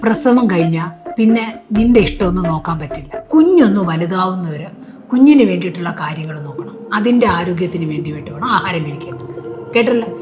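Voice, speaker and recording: A woman's voice: lowish voice, animated, fast talker, music in the background, lightly acted. An actress in a short film drama, playing a scolding, domineering middle-aged mother-in-law. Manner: scolding, nagging.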